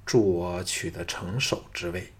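A man's voice: low voice, a little slow, breathy edge, exaggerated voice. A man voicing a cool, commanding young hero who speaks curtly and coldly. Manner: curt, cold.

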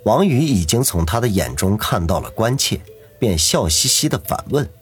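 A man narrating an audiobook novel in a steady storytelling manner. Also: fairly low pitch, moderate pace, faint music behind. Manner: steady storytelling, doing every character.

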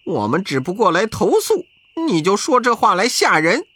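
A storyteller voicing a cheeky, boastful monkey king who talks loud and fast. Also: medium pitch, wildly swooping pitch, breathy edge, no room sound, voice pushed up, exaggerated voice. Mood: impatient. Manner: shouting, quick and cocky. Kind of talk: children's storybook narration.

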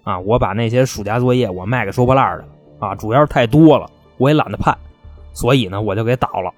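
A man's voice: medium pitch, fast talker, soft background music, close to an everyday voice. A man voicing a sheepish male homeroom teacher, offhand.

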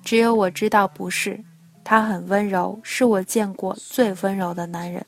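Woman softly reading a personal story. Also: medium pitch, fairly even intonation, normal speed. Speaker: narrator. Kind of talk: read-aloud personal story. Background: faint background music.

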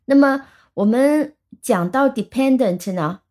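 A woman teaching vocabulary, explaining patiently and reading the example sentences slowly. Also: high voice, animated, dark tone. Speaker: English teacher. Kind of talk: vocabulary lesson.

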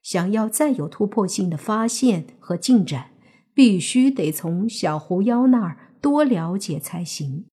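A woman narrating a serialized suspense novel as an audiobook, steady storytelling. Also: medium pitch, measured pace, husky.

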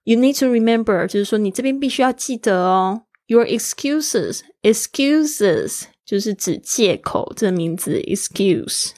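Casting: a woman English teacher whose first language is Mandarin, patient, slow modelling of words, dry close sound. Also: medium pitch, very animated, a little mellow, no room sound. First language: Mandarin Chinese. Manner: explains patiently, spells out words and models pronunciation slowly. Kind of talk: bilingual English lesson.

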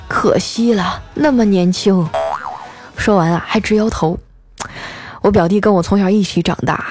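A woman hosting a podcast, telling funny everyday stories in a lively, chatty way with drawn-out filler sounds. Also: medium pitch. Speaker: podcast host. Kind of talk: scripted comedic storytelling. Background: faint background music.

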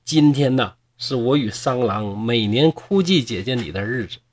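A man voicing a gentle young wife in a storybook tale, speaking softly and pleadingly. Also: mid-range voice, expressive, moderate pace, lightly acted.

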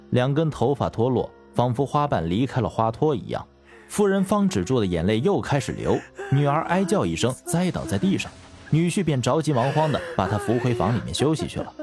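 A man narrating a story in an expressive, lively storytelling manner. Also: medium pitch, brisk, soft background music.

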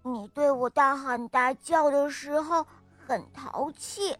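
A woman voicing a small young male monkey in a children's story, with a high childlike, pouty voice. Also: takes it slowly, fairly bright tone, no echo, soft background music. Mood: sweet.

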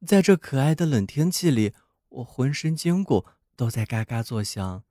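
A man's voice: mid-range voice, sing-song, moderate pace, warm tone, dry recording, clean studio sound. A man voicing a naive newly built snowman who wonders about the sun and moon. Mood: boastful. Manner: wondering, boastful then wistful.

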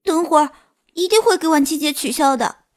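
A woman plays a flustered, clingy teenage girl in an audiobook drama, her voice very high and soft. She sounds coy and girlish. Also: brisk, close to an everyday voice. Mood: embarrassed. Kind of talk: audiobook character voice.

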